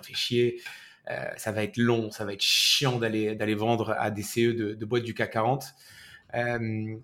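A half-American man, a startup founder, explaining his company steadily and sprinkling in English loanwords. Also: mid-range voice. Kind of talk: interview answers.

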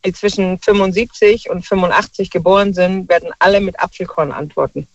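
A man calling in to a talk show, chatting in a relaxed, hesitant way and agreeing readily. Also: high voice, fairly quick. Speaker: caller. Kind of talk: casual phone-in chat. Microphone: telephone. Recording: dull dry phone line.

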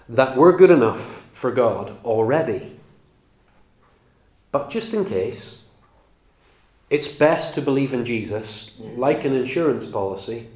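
A man preaching a sermon, teaching the Bible in an earnest, emphatic way with measured pauses. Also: mid-range voice, a little mellow. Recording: roomy echo.

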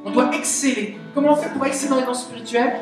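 A woman with a Québécois French accent preaching a chatty, animated sermon, asking the audience questions. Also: sits high, fast. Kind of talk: conversational sermon. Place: church meeting hall. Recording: very echoey hall, voice from a distance. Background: soft guitar music.

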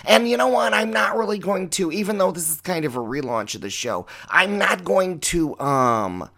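Middle-aged man, drag queen host, gravelly voice, rambling and profane, swooping pitch. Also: lively intonation, moderate pace, pushed and bright. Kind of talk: opinionated monologue.

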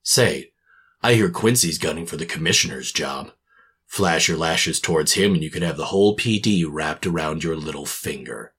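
A man's voice: a bass voice, lively intonation, normal speed, a bit bright, slightly rough, full character voice. A man playing a cynical hard-boiled private detective, narrating and talking in a clipped, sardonic tough-guy manner in a noir radio drama.

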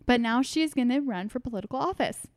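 A woman's voice: fairly high pitch, animated, fast talker, no echo, clean studio sound. A young woman co-hosting a podcast, chatty, upbeat and teasing in casual talk. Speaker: podcast co-host. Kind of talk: casual chat.

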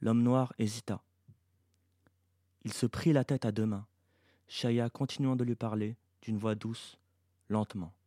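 A man, the author, reading his science-fiction novel aloud in an even, measured narration. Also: mid-range voice, dry recording, clean studio sound.

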